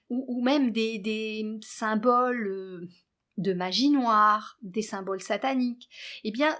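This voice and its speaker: A woman hosting a spiritual guidance channel, talking in a measured, earnest way with hesitant restarts. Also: on the high side. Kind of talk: spoken spiritual guidance monologue.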